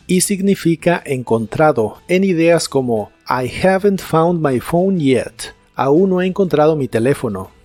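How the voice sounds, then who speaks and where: A man teaching English vocabulary in a scripted lesson, repeating each word slowly and carefully. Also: a little high, mellow, dry recording. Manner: slow, careful pronunciation drills.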